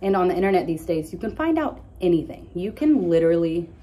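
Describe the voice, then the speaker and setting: A woman's voice: on the low side, big pitch swings, fast talker, warm tone. A young woman with a lisp, casually answering follower questions in a candid, blunt vlog.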